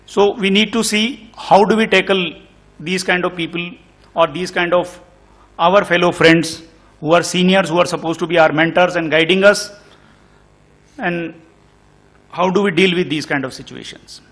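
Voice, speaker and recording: A man's voice: high-pitched, fairly even intonation, normal speed, long pauses, fairly bright tone. A middle-aged man with an Indian English accent, speaking earnestly as a panelist at a conference table mic, often restarting his sentences. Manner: earnest, concerned, many restarts. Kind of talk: panel discussion remarks. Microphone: table microphone on stand.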